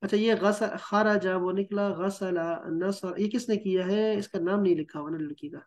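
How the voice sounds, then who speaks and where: A man's voice: high-pitched, fairly even intonation, darkish tone. A man teaching a Quran translation class, patiently explaining word meanings and checking in with students. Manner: patient, explains with repeated checks like "theek hai?".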